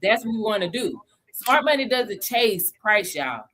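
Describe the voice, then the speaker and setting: A woman's voice: mid-range voice, sing-song, a bit bright. A woman hosting a casual livestream lesson on crypto, chatting with viewers and greeting them by name. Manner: slows down to stress key points. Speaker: livestream host teaching crypto basics.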